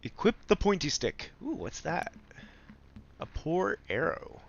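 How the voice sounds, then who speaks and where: A man's voice: high voice, sing-song, unhurried, creaky, dull audio, slight background noise. A man casually commentating a game playthrough and reading its text aloud. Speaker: gamer narrating a playthrough.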